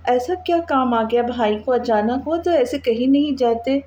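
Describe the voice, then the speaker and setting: Woman reading an anxious young sister, raised pitch. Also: measured pace, darkish tone, roomy sound, dull audio, a little hiss or hum, lightly acted. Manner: anxious, questioning.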